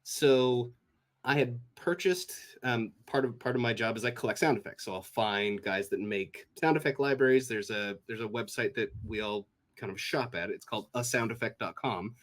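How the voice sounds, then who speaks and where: Chatty American sound designer. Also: male voice, medium pitch, moderate pace. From Washington State, USA. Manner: rambling, filler-heavy, acts out quoted speech. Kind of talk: casual interview storytelling.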